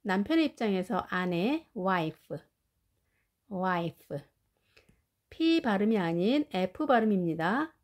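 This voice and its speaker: A woman with Korean as her first language, teaching English family words and slowly drilling their pronunciation. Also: medium pitch, lively intonation, a little mellow. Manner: slow, careful pronunciation drills. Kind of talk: vocabulary lesson.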